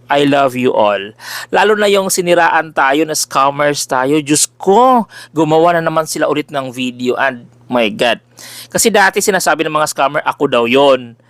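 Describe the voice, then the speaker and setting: A man with a big, loud voice who runs a folk-healing page, talking casually and animatedly to his followers with jokey exclamations. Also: a little high, animated, normal speed, no room sound. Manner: chatty and exclamatory, switching between Tagalog and English, jokey asides. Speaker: folk healer selling remedies, page owner. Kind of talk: casual direct-to-camera address to followers.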